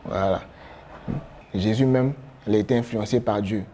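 A young man with an Ivorian French accent, a gospel rapper answering interview questions in a relaxed way, often pausing with fillers. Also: fairly low pitch. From Côte d'Ivoire. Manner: relaxed, gestures a lot while talking, frequent fillers. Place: studio with branded backdrop, seated.

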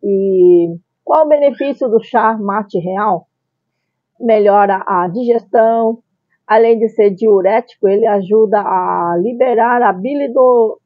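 A middle-aged woman with a Brazilian accent hosting a casual product review vlog, announcing her phrases deliberately, on a phone-like recording. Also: medium pitch, no echo. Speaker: YouTube channel host. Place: small tiled room at home, indoors. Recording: phone-like, band-limited sound.

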